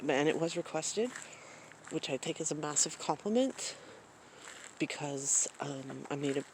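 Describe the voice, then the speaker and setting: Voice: mid-range voice, animated, a little slow, a little hiss or hum, rough recording. A vlogger talking casually into a phone camera at home, rambling with lots of fillers and restarts. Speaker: travel vlogger.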